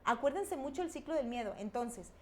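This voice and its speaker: A middle-aged woman, talking reflectively as a guest expert, with pauses and fillers. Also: on the high side, expressive. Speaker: guest expert on emotions and fear. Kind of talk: conversational explaining.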